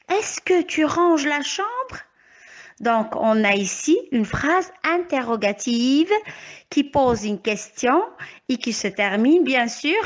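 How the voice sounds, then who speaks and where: A young woman teacher explaining a grammar lesson to young children, patient and carefully articulated, with clearly rising questions. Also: high-pitched. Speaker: primary school teacher.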